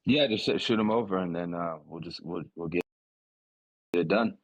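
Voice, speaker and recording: A young man, a boxer and podcast guest, talking in a relaxed, rambling way with many fillers and restarts over a video call. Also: deep voice, normal speed, no room sound. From United States, West Coast. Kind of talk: casual podcast interview.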